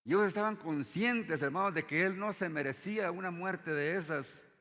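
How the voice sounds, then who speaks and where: A man preaching a sermon in a church, his voice carried by a long hall reverb. He keeps addressing the congregation as brothers, rising on key words and sinking low at the ends of phrases. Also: normal speed, a bit bright. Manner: repeats "hermanos" often, dropping his voice low at phrase ends.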